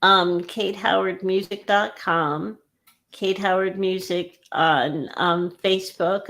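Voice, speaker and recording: A woman from Austin, Texas, speaking as a guest musician in a casual interview, answering briefly and quickly with some hesitations over a video call. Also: lowish voice. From Austin, Texas, USA.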